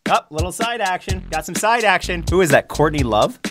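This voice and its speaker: A man's voice: high voice, expressive, brisk, music in the background. A young man hosting a casual vlog, sarcastic and mocking as he talks to the camera indoors. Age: young adult. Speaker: YouTuber.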